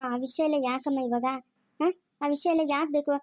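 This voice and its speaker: Casting: a woman as a young daughter, gently reassuring, high bright voice, dry sound. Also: steady tone, fairly quick, dry recording, close to an everyday voice. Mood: evasive. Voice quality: soothing, reassuring. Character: young working daughter, soothing and evasive. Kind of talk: amateur family drama acting.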